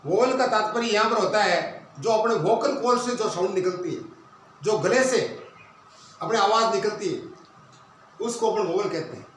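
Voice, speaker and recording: A man's voice: sits high, normal speed, long pauses, a bit bright, slight background noise. A male teacher giving a grammar lesson. He explains step by step and asks and answers his own questions. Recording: very echoey room, voice from a distance.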